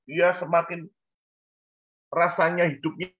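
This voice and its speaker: A man with a fairly high voice tells a story on a church talk show. He is animated and acts out the voices of the people in his story. The recording sounds dull and lo-fi. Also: a little slow.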